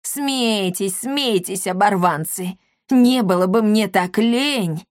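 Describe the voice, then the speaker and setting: A woman's voice: medium pitch, takes it slowly, dry recording, natural voice. A lazy, boastful man grumbles and protests indignantly, as a woman reader puts him on. It sounds like a storybook reading with a dry, close voice. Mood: grumpy.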